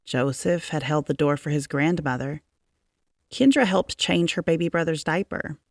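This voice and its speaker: A woman reading a children's story aloud as narrator, in a measured, expressive storytelling manner. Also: sits low, dry recording, clean studio sound. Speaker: storybook reader.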